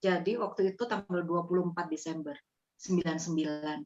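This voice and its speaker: A woman's voice: lowish voice, steady tone, a little fast, a little mellow. A woman, earnestly telling her testimony to a host. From East Java, Indonesia. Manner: earnest, addresses the host as "Pak". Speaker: guest sharing a testimony. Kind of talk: heartfelt personal testimony. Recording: slightly muffled audio.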